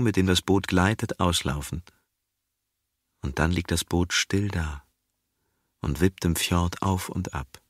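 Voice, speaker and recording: A man reading a literary novel aloud as narrator, in a calm, measured cadence that drops toward a near-whisper for a character's thoughts. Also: deep voice, breathy edge, dry recording, studio quality.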